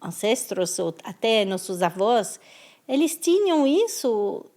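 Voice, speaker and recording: A woman's voice: medium pitch, big pitch swings, slow pace, a little mellow. A French-born woman speaking as a guest in an interview, thoughtful and often restarting her words. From France. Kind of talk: conversational interview.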